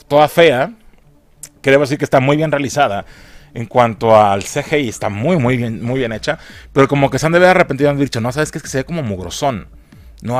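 Animated man reviewing a trailer. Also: mid-range voice, no echo. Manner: swearing, laughing, animated. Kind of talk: casual commentary.

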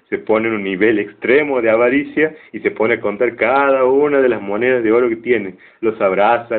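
Brief: male cartoon reviewer, chatty and joking, average pitch, thin phone-like audio. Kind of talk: casual retelling of a cartoon. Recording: tinny phone-like sound.

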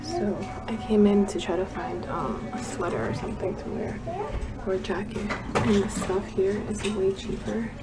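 Over loud background music, a young woman talks at normal speed in a medium-pitched, steady voice. She's a travel vlogger narrating casually as she shops indoors in stores and a mall, chatty and thinking aloud, hedging with "I don't know." She films herself on a handheld camera held at arm's length.

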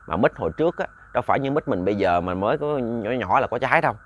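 A man's voice: mid-range voice, expressive, fast talker. A man narrating a ghost story in a chatty, casual way, often repeating words and talking to listeners like family.

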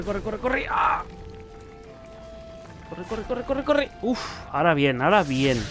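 A man with a Spain Spanish accent giving excitable gameplay commentary, swearing and shouting warnings at the screen. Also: a little high. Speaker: gaming youtuber.

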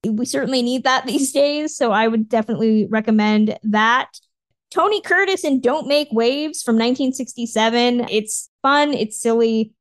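A woman's voice: on the high side, normal speed, no room sound. A woman co-hosting a podcast, chatting casually and giving upbeat recommendations. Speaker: podcast co-host. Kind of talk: casual chat.

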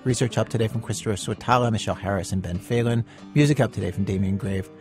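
A man hosting a radio show, reading scripted narration in a measured, conversational way. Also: on the low side, darkish tone, faint music behind. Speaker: radio host.

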